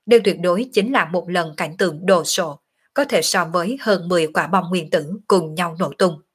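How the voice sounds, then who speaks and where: Woman, audiobook narrator, husky voice, lowish pitch, steady dramatic delivery. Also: normal speed.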